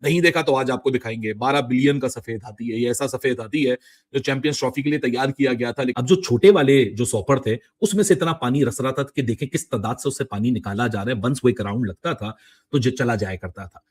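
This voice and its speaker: A man's voice: medium pitch, fast talker. A man with a Pakistani Urdu accent reporting on cricket, showy and full of rhetorical questions. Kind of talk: video commentary.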